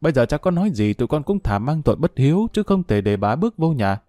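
A man voicing a grown son, calm but reproachful. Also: fairly high pitch, fast talker, no room sound.

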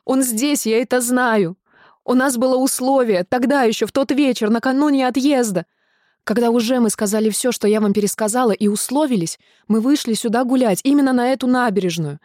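A woman plays a tender young girl close to tears, pleading and anxious as her words spill out. Her voice sits at a middling pitch with a mellow, soft tone. The sound is dry and close. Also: normal speed, no echo, close to an everyday voice. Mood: anxious, tearful. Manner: emotional, pleading, on the edge of tears. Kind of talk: literary radio reading.

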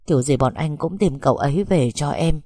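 A woman voicing a calm male rescuer in an audio story, steady and soothing. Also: deep voice, a little fast, dry recording, clean studio sound. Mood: reassuring.

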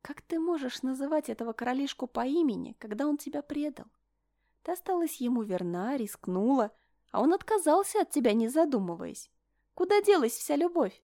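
A haughty young princess with a high, piercing voice that swings wildly up and down, speaking in an imperious, bossy way, as a woman reading a novel aloud puts her on. The reading is an audiobook-style narration. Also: big pitch swings, moderate pace. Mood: scornful. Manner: imperious, shrill when upset.

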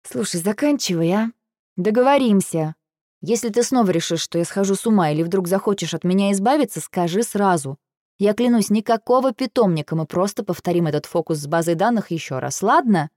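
Mellow-voiced woman narrating an audiobook. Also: mid-range voice, expressive, brisk, no room sound, clean studio sound. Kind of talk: first-person audiobook narration.

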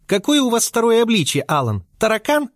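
A man's voice: sing-song, fairly quick, dry recording, clean studio sound. Man doing a cheeky, defiant young girl. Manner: cheeky, shrill when scared.

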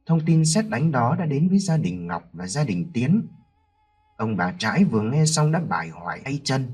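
A man narrating a horror story in a dramatic, expressive way. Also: on the low side, breathy edge.

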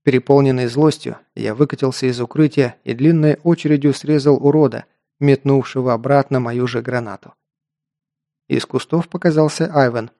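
A man narrating a first-person action audiobook in a brisk, wry storytelling manner. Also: medium pitch, fairly even intonation, warm tone, no echo, studio quality.

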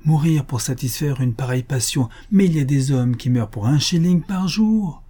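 A man voicing a sick, bitter, hard-drinking rich old builder in a gruff, raised voice that bursts out loudly. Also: medium pitch, lively intonation, moderate pace, voice pushed up.

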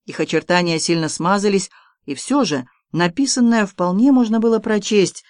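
An audiobook narrator reading an adventure novel in expressive, scripted narration. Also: mid-range voice, normal speed, dry recording, studio quality.

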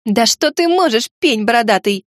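A woman's voice: fairly high pitch, expressive, fairly quick, no echo, studio quality, natural voice. A woman reading aloud, voicing a snappish, bitter young sorceress who shrieks and sulks. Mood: shrieking.

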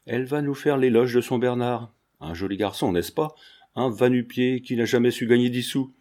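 A man's voice: mid-range voice, normal speed, a little mellow, lightly acted. A man reading the part of a scornful, spiteful old neighbor woman in a storybook.

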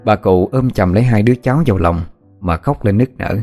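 A man narrates a story with a steady, measured delivery. His voice sits on the low side. Soft music plays quietly underneath. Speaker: audiobook narrator. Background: soft background music.

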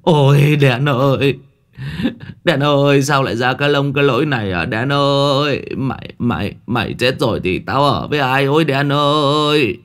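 A man playing a coarse, hot-tempered old rich landlord who shouts and curses. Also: lowish voice, big pitch swings, normal speed. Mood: wailing. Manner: shouting, cursing, wailing.

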